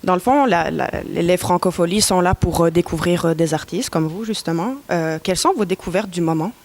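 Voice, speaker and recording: A woman's voice: fairly low pitch, fairly quick, darkish tone. Woman interviewer from Belgium, casual delivery, faint background hiss. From Mons, Belgium. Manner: casual questioning with fillers. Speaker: journalist interviewer. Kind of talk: interview questions.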